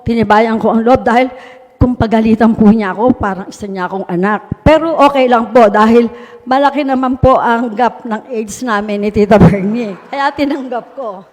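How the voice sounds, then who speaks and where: A woman's voice: on the high side, normal speed, darkish tone. A woman, a mayor, earnestly telling a personal testimony to an audience in a polite, respectful way. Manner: polite, earnest storytelling with frequent respectful particles. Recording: long hall reverb.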